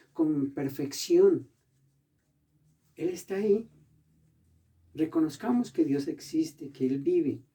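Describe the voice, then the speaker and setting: A man preaching a sermon in a church, with emphatic bursts, slowing down to read scripture aloud. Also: on the high side, vocal fry, mellow, recorded from a distance.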